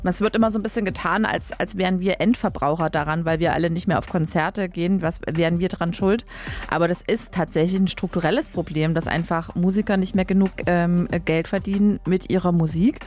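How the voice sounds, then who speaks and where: Hosting a radio music show, this young Leipzig woman talks casually, filling pauses and correcting herself often. Through a studio microphone, her voice sounds lowish, a little mellow and fairly even in intonation, and she speaks briskly.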